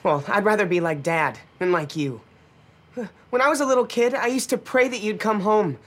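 An actor playing an uptight adult son, easily embarrassed, indignant and dryly sarcastic in a TV comedy-drama. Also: male voice, high voice, fairly bright tone. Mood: angry. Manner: halting, indignant, dry sarcasm.

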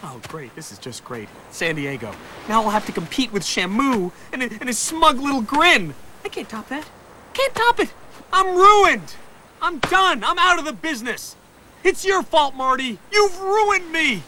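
Melodramatic, high-pitched cartoon lion. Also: male voice, very animated, measured pace, bright, forceful tone, slight background noise, heavily acted. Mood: bitter despair. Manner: theatrical, ranting, sulky. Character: hot-headed, melodramatic male show lion, vain and aggrieved. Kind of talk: animated film comedy acting. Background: music.

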